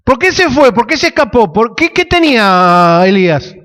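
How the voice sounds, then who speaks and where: Argentine male preacher, high voice, long hall echo, peppers the sermon with questions and amens. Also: big pitch swings, normal speed, fairly bright tone. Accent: Argentine Spanish. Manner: asks the congregation rhetorical questions, frequent "amén".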